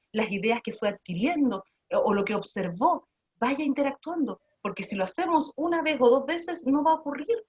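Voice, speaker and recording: A woman speaks in a fairly high voice, giving an online lecture on early childhood learning. She keeps asking rhetorical questions and restarting her sentences as she explains. The sound is dull and lo-fi, typical of a video call.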